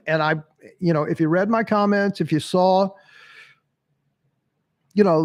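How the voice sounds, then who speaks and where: A high-pitched man drawling through his commentary at an unhurried pace. He talks bluntly, cusses freely and chuckles at his own stumbles. The sound is close and dry, with no room around it. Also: no room sound. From Tennessee. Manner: blunt, swearing, laughing at himself. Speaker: sports podcast host. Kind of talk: casual live-stream commentary reading chat.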